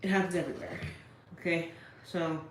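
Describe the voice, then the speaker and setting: A woman's voice: lowish voice, fairly even intonation, fairly quick. A woman giving casual commentary straight to the viewer and reading quotes aloud, often checking in with her listener. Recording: roomy echo with faint noise.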